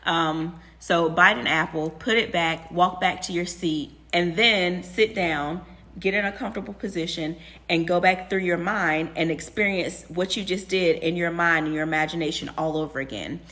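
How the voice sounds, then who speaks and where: A young woman talking quietly, half-whispering, as she shares advice from an empty classroom. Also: fairly low pitch, steady tone, moderate pace. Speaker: vlogger. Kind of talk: casual spoken advice.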